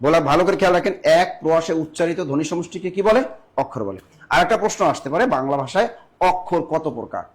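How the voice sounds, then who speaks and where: Bangladeshi guy teaching exam prep online, quick and highish, keeps asking then answering himself. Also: expressive. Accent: Bangladeshi Bengali. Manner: drills by asking questions and answering them himself, repeats key lines. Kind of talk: online class lecture.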